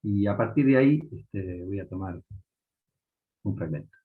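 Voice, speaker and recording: A man's voice: on the low side, lively intonation, a little slow, phone-quality sound. A man, a playwright, explaining his play hesitantly with fillers and then reading from it. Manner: hesitant, with many filler words. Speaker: playwright and performer.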